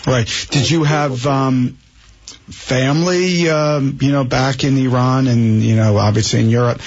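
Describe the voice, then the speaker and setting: A male radio host with a husky, slightly breathy voice chats warmly through long questions. The sound is a dull, muffled radio broadcast. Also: medium pitch, fairly even intonation, unhurried. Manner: chatty, friendly, asks long questions. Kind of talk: radio interview.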